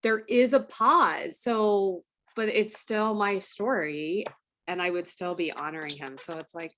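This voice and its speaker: A woman's voice: medium pitch, unhurried, fairly bright tone, a little hiss or hum. A woman chatting as a guest over a video call, chatty and playful. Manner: chatty and playful, often laughing.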